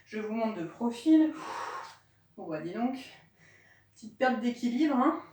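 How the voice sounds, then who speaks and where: Woman coach doing a home workout, kinda high voice, echoey room, sounds far from the mic. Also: lively intonation, a little slow, a little hiss or hum. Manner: encouraging, counts out loud and cues breathing. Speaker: fitness instructor.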